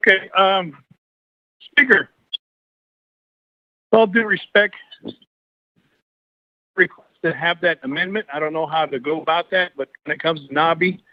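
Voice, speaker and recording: A man speaking as a council delegate in a committee meeting. He is calling in on a glitchy line that keeps breaking up, and he asks pointed questions in halting bursts. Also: on the high side, dry recording. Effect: breaking-up glitchy call audio. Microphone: remote call-in line. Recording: dull muffled call line, cutting in and out.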